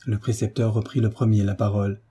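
A man narrating a classic novel as an audiobook, reading in a measured, steady way. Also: fairly low pitch, slightly rough. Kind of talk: literary reading.

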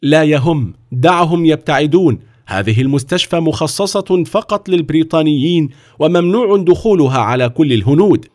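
A man's voice: on the high side, expressive, normal speed, darkish tone, pitched above the performer's own voice, close to an everyday voice. A man voicing a large, contemptuous English hospital director who gives orders with disdain, in a storybook reading. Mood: scornful commanding. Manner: contemptuous, commanding.

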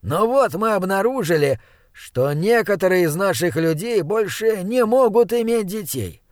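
A man reads as a smooth, patronizing old leader of a small town, coaxing and talking down to a young stranger. The voice sits a touch high and sounds close and dry, with no room around it. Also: expressive, unhurried, darkish tone, no echo. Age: older. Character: elderly male town elder, smooth, condescending.

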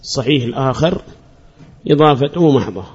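A man's voice: medium pitch, expressive, brisk, a little mellow, slightly rough. A male teacher giving a classroom grammar lesson, repeating his points and quizzing students by name, praising their answers. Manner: repeats and restates points patiently. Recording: muffled lo-fi recording.

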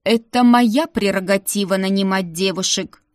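Stern werewolf matron, voiced by a woman, barking, curt, forceful, dry close sound. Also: medium pitch, a little slow, dry recording, natural voice. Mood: cold. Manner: harsh, barking, through gritted teeth.

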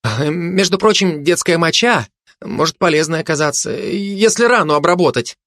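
A blunt, sharp-tongued tourist lays things out flatly in a raised voice, as a man puts him on. His lines rise and fall a lot and sound dry and close. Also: a little high, moderate pace, no echo, voice pushed up.

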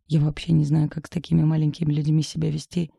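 A woman's voice: low-pitched, completely flat delivery, fast talker, vocal fry, mellow, slightly rough, no echo, clean studio sound, heavily acted. A woman reading the part of a frightened, whiny young woman in an audiobook. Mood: anxious. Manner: whiny, anxious.

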